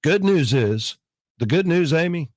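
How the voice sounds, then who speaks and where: A man's voice: a little high, animated, unhurried, no echo, studio quality. Folksy Southern man co-hosting radio. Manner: folksy, jokey, muses aloud. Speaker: radio co-host. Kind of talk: casual morning radio chat. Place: radio studio. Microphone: studio microphone.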